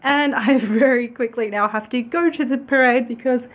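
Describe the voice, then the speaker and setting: Sitting indoors by a window, an Australian vlogger in her twenties talks to a handheld camera right up near her face, her voice husky with a cold and pitched on the high side. At a normal speed she chats and rambles about her plans, laughing lightly now and then.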